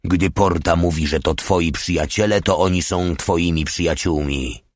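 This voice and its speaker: A man voicing a huge, dim-witted and menacing soldier in an audiobook, blunt and slow. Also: low-pitched, dry recording, studio quality.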